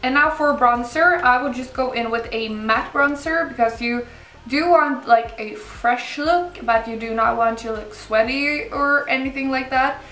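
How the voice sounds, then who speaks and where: A young woman gives a relaxed, informal makeup tutorial in a roomy indoor space. Her voice sits a little high, and she explains each step casually and without hurry. Soft music plays behind her. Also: unhurried. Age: young adult. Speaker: beauty vlogger. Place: indoor room set up for filming, backdrop. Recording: roomy, slightly distant mic, music behind.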